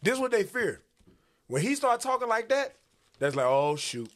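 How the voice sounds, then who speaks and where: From a small studio, a man hosts a religious commentary show and teaches the Bible into a boom-arm mic. His voice is a little high and lively at normal speed, and his animated, preacherly style keeps calling for verses to be read.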